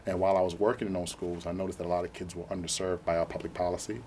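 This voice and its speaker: A young man answers interview questions earnestly, filling his pauses with ums. His voice is very deep and quite flat, and he talks quickly. A faint noise sits behind the studio sound. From Brooklyn, New York. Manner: fluent, frequent ums, earnest. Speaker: political candidate, interview guest.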